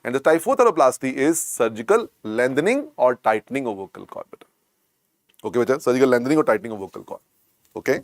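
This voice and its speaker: A man's voice: medium pitch, animated, rapid-fire, no echo. Indian man drilling students, dry close sound. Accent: Indian English. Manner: repetitive, coaxing, keeps adding "beta" to drill points. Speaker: medical exam lecturer. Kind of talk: classroom lecture.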